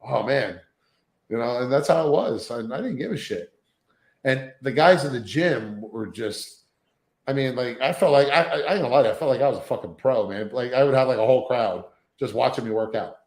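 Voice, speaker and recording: A man in his thirties, a guest telling profane, animated anecdotes in a casual interview, full of acted quotes. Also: mid-range voice, brisk, roomy sound, low-quality recording.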